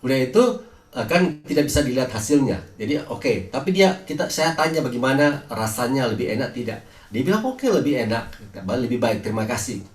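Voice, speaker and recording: A man's voice: medium pitch, animated, a little fast, recorded from a distance. Man preaching in a roomy space. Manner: storytelling with frequent restarts and hesitations. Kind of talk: sermon with personal healing testimony.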